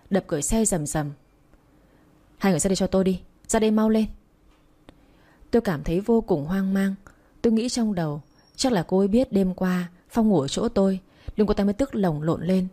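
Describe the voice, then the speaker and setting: A woman narrating a romance story in the first person, in an even, steady reading manner. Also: medium pitch.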